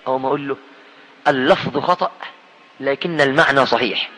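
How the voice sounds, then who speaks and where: Bright, fast Egyptian preacher man. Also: medium pitch, long reverb tail, poor audio. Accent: Egyptian Arabic. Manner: emphatic, repeats key points and quizzes listeners. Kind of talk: religious teaching sermon.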